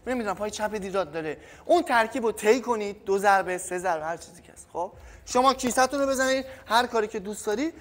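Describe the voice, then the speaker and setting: Standing by a punching bag in a gym, a man from Iran with a cold gives an energetic, casual boxing tutorial, addressing viewers as kids and letting his voice trail off quietly. His pitch is extremely high, and the camera-only audio picks up long, echoey reverb.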